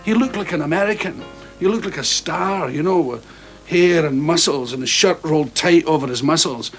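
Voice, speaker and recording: A man from Scotland telling animated anecdotes in an interview, imitating little noises. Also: fairly high pitch, normal speed, faint music behind.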